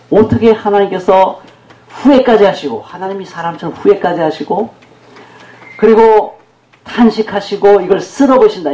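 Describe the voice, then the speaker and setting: A man's voice: high-pitched, warm tone. A man preaching a sermon as pastor, talking with the congregation and asking them questions. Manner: conversational, questions the congregation, acts out quoted speech. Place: church sanctuary. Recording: echoey church hall.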